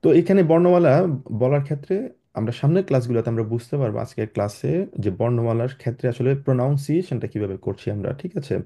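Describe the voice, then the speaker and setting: Very dark-voiced young man teaching German. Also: medium pitch. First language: Bengali. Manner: hesitant, many fillers and restarts; spells letters slowly for students to repeat. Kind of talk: online class lecture. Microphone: computer mic on a video call.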